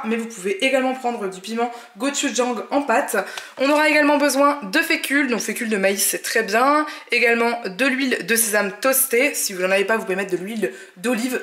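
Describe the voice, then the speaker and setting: A woman's voice: fairly high pitch, a bit bright. A woman hosting a cooking channel, narrating a recipe in a friendly, explanatory way and giving tips. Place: home kitchen. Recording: roomy echo, faint noise.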